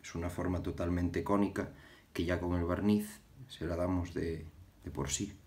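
A young man from Galicia hosting a casual fly-tying tutorial, talking haltingly and repeating words as he works with his hands at an indoor bench. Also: low-pitched, steady tone, darkish tone. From Galicia, Spain. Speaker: fly-tying channel host.

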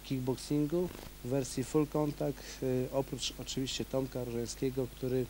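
A man talking in a steady, monotone way as a kickboxing coach, stopping often on "uh" between phrases. A faint hum sits under his voice, as on an old 1990s video tape. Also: mid-range voice, moderate pace, poor audio. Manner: hesitant, many fillers. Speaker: kickboxing coach and event organizer. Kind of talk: local TV interview.

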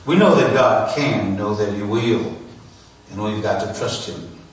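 A man's voice: fairly low pitch, measured pace. A man preaching a sermon in a church, with a rhythmic, repeating call-and-response delivery. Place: church sanctuary. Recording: echoey church sanctuary, mic at a distance.

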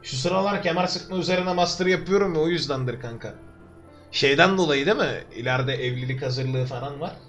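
A young man from Turkey talks through a game live from his room, his voice sitting high as he chats with viewers and jokes to himself. Quiet music runs faintly underneath him. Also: a little fast. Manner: chatty, joking, talks to chat and to himself. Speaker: livestreamer. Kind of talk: live gameplay commentary. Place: home room. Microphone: desk microphone.

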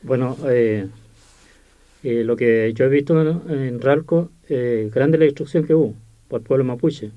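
A man's voice: mid-range voice, unhurried. A man, a community representative, answering in a radio interview, earnest and repeating himself. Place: small radio studio. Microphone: studio table mic. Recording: dull lo-fi sound.

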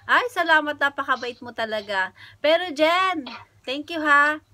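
A woman's voice: high-pitched, animated, a little slow, crowd noise. A woman from the Philippines vlogging at home, chatting casually with viewers and giggling often between lines. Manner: chatty, addresses viewers directly. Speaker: vlogger making prank calls. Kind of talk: casual chat. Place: home flat.

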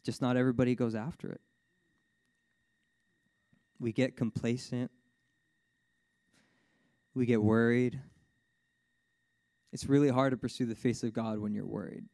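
A man preaching in a casual storytelling way, with lots of "like" and "you know". His voice jumps up high when he gets excited, and he laughs often. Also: no echo. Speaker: worship speaker at a church service. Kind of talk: sermon testimony told as a story.

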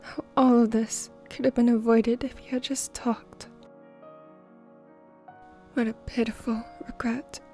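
A woman reading a fan fiction story aloud in a soft, even way. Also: fairly high pitch, measured pace, long pauses, faint music behind. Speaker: narrator.

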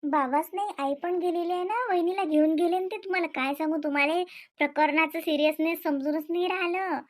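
A woman's voice: very high voice, fairly even intonation, brisk, dry recording. A woman speaking, playing a worried wife in a domestic comedy skit who complains and grows heated. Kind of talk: scripted domestic comedy dialogue.

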